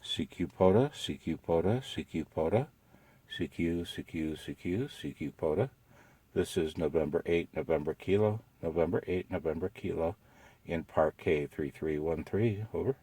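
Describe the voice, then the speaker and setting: A man in his parked truck making a ham radio call, repeating call signs in a steady, subdued chant. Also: low-pitched, normal speed, background noise. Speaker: amateur radio operator. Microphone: phone camera.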